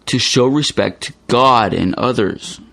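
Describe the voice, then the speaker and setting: A man's voice: mid-range voice, unhurried, vocal fry, fairly bright tone, no room sound. A man reading everyday dialogues aloud for English learners with a plain, careful delivery. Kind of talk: slow scripted dialogue reading.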